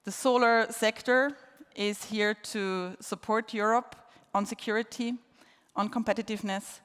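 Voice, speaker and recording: A woman's voice: a little high, steady tone, unhurried, fairly bright tone, smooth. A woman heading a solar industry group, giving an enthusiastic conference speech and repeating words for emphasis. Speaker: head of a solar industry association, introducing the speaker. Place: large conference hall. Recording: long hall reverb.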